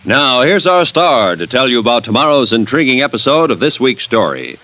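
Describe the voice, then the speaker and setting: A man's voice: medium pitch, sing-song, brisk, a little hiss or hum. A man with an American accent reading scripted credits as a 1950s radio announcer. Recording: vintage radio broadcast with loud music. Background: loud theme music.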